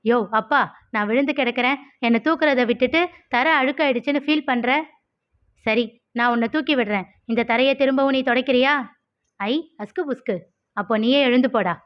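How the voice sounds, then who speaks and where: A woman's voice: high voice, muffled recording, lightly acted. A woman voicing a cheeky, jobless young man who teases everyone. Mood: mock-outraged. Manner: teasing, mock-dramatic, quick.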